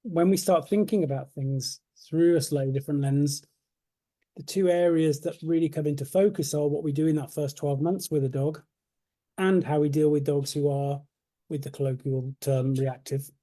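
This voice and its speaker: A man hosting an interview, speaking thoughtfully with pauses. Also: a little high, fairly even intonation, dark tone. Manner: thoughtful, measured with fillers. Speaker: host. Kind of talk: conversational interview.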